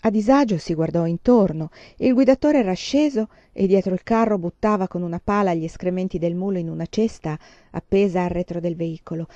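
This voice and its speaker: A woman reading a novel aloud in a calm, measured storytelling manner. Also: on the low side, no room sound, dull audio. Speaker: audiobook reader.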